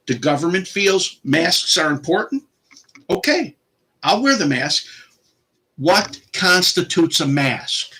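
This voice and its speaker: A man's voice: fairly high pitch, bright, forceful tone, low-quality recording. A middle-aged man telling a story in a casual, indignant rant and acting out both sides of the argument.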